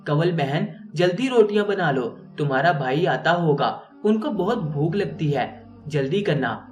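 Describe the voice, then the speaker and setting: A man's voice: a little high, expressive, a little slow. A man voicing a self-serving elder sister-in-law who hands out orders offhandedly. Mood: offhand. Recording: roomy, distant mic, faint music.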